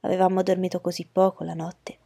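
Woman reading a novel aloud, low husky voice, dry close sound. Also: fairly quick, no room sound. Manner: steady, even storytelling. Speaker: narrator. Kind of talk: audiobook reading.

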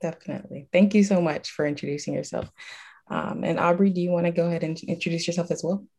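Creaky woman host, full of fillers. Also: lowish voice, fairly even intonation, fast, a little mellow. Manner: hesitant, many fillers like "you know". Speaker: podcast host. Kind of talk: casual podcast chat.

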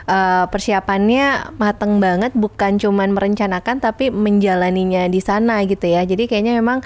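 A woman psychologist speaking as a podcast guest in a mid-pitched voice. She is thoughtful and hedges a lot, dotting her sentences with fillers and soft tag questions. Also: fairly even intonation, normal speed. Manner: thoughtful, hedging with many fillers and "gitu ya" tags. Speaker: clinical and family psychologist guest. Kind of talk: casual podcast chat.

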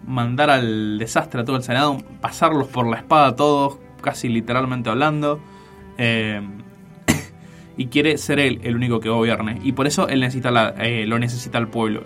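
A man's voice: medium pitch, a bit bright. A man with a Rioplatense Spanish accent hosting a show, enthusiastically discussing a film with frequent fillers. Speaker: show host. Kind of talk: casual film commentary.

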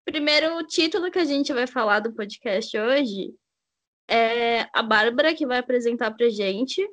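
Woman, twenties, podcast host, fairly high voice, asks questions. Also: animated, unhurried, a bit bright, slight background noise. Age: 20s. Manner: leads, asks guests questions. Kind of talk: casual podcast chat.

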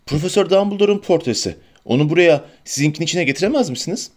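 A man voicing a clever, eager teenage girl who reasons quickly in an audiobook reading. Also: a little high, expressive, voice pushed up.

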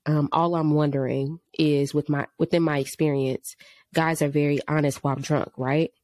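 A woman's voice: deep voice, little pitch movement, normal speed, darkish tone. A woman co-hosting a casual podcast, reading a listener's letter aloud and then giving firm advice. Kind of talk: casual chat.

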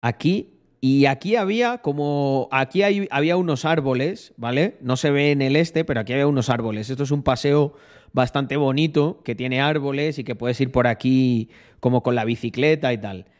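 A man telling a casual, animated anecdote in slangy speech. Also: mid-range voice, moderate pace. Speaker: vlogger. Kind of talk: casual storytelling.

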